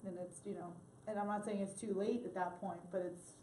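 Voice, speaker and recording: A woman's voice: mid-range voice, fairly even intonation, fairly quick, warm tone, a little hiss or hum. A woman presenting an assistive technology workshop, conversational and chatty with fillers. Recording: echoey room, mic far off, faint ambience.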